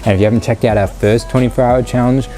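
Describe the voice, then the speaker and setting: A man's voice: medium pitch, fairly even intonation, quick pace, warm tone, soft background music. A young Australian man hosting a vlog, chatting casually and slangily to camera and joking with his friends. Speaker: vlog host.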